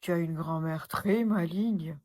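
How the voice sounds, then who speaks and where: A sly male wolf from a children's storybook, with a deep, gruff voice, put on by a woman reading aloud. He drags his words out slowly and loudly, looming and menacing. The voice has a soft, breathy edge. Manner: slow, loud, looming delivery.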